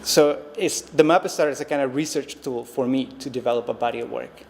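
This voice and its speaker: A brisk, mid-range male voice with vocal fry belongs to a visiting artist in his thirties, a native Spanish speaker from Costa Rica. His artist talk is reflective yet hesitant, packed with ums and restarts. It was captured in a gallery with long hall reverb and a faint noise floor.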